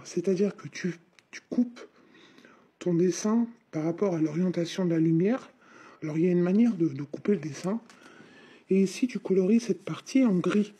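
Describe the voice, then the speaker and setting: Mellow synthetic woman's voice, casual vlog chat. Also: fairly low pitch, breathy edge. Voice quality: synthetic text-to-speech voice. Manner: informal, rambling, conversational. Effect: synthetic voice replacing the speaker's own. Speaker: craft vlogger. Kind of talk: casual chatty unboxing narration.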